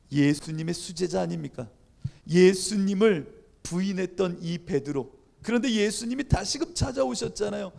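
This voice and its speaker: Pastor guy preaching, pretty high voice, super gravelly, chatty, acts out the dialogue. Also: a little mellow. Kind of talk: sermon.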